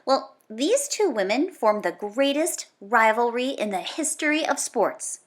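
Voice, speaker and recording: A slightly high voice, moving a little slowly, belongs to a woman reading a children's story to listeners the way a teacher would. Her delivery is animated and chatty, with emphatic stress on repeated words.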